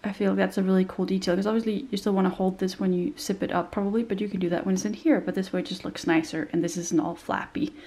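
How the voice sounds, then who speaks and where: A young woman reviews a handbag in a small room, chatty and descriptive, with lots of fillers and a slightly nasal sound left over from a cold. Her mid-range voice stays steady and dark-toned, and she talks fast with few pauses.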